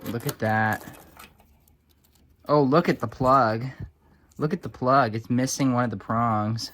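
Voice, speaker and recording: Working at his bench, a hobbyist restorer and video host chats casually and off the cuff, muttering dry, sarcastic remarks along the way. His voice is medium-pitched and a bit bright, with slight background noise.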